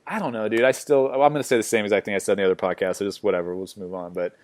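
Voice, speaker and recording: A man's voice: lowish voice, fairly even intonation, racing, a little mellow, no room sound. A man co-hosting a podcast in casual chat, joking around and slipping into mock voices to mimic people. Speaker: podcast co-host.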